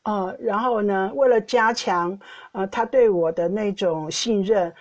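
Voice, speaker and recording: A woman's voice: mid-range voice, a little slow, husky. A middle-aged woman telling a playful home story as a podcast host, laughing often as she goes. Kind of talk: casual storytelling monologue. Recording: dull lo-fi recording.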